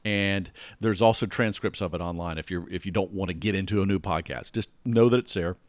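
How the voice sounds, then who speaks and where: Guy doing a chatty solo podcast, lowish voice, dry close sound, keeps restarting and checking in. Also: a little fast, no room sound. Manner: casual and rambling, frequent restarts and check-ins. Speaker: podcast host. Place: indoors at home with windows closed.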